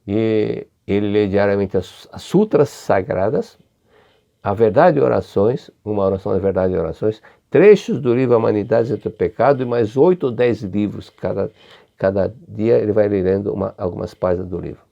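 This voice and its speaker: An older man with a Brazilian Portuguese accent delivers a religious study lecture at an unhurried pace, often repeating or restarting phrases. His voice is lowish and creaky, and the sound is lo-fi.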